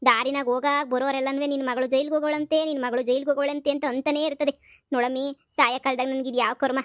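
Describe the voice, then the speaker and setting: Woman playing a whiny old village mother-in-law, high voice, talks fast, dry sound. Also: level tone, no room sound, close to an everyday voice. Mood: pleading. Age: older. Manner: rustic village dialect, whining guilt-tripping.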